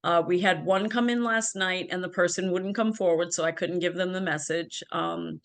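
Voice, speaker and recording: A woman guest tells her personal story in an interview over a video call from home, sitting by a ring light. She's earnest and full of ums and restarts. Her voice is lowish, with fairly even intonation at normal speed.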